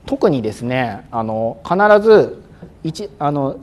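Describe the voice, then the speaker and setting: A male exam prep instructor giving a lecture, speaking crisply and a bit loudly on purpose, with frequent fillers, sometimes acting out examiners. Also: mid-range voice, very animated, slow pace. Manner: acts out examiners and exam-day self-talk.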